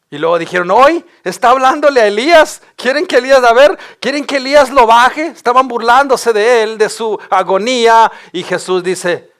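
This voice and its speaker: A man's voice: high voice, fairly bright tone. A male pastor, preaching an impassioned sermon and stammering over repeated words as he builds his points.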